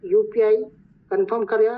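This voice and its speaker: A hoarse man acting as trainer, talking viewers through a screen-share tutorial step by step. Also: high voice, flat delivery, normal speed. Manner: talks viewers through each step, repeating "look". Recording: dull lo-fi recording.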